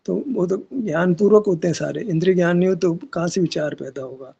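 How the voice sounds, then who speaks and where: Man, spiritual discourse, rough gravelly voice, somewhat high, argumentative and conversational, muffled lo-fi sound. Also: a little fast, dark tone. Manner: argumentative, rhetorical questions, colloquial asides. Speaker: spiritual teacher. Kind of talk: discourse at a meditation session. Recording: dull lo-fi recording.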